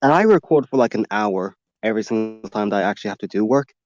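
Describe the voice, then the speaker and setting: A man's voice: lowish voice, lively intonation, fast talker, darkish tone, faint music behind. A man, a voice actor, chatting bluntly and swearing casually from a foam-lined closet. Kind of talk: casual chat. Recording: dull lo-fi home recording.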